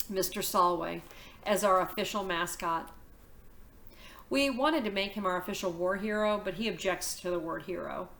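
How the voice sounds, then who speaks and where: Bright-voiced woman reading a novel aloud. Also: mid-range voice. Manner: lively, expressive storytelling.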